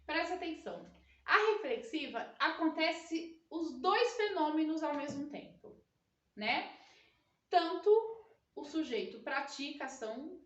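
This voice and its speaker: High-voiced woman teaching grammar. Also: fairly bright tone, echoey room, far from the mic, lo-fi sound. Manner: explanatory, constantly checks in with listeners. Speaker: Portuguese teacher. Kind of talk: recorded grammar lesson.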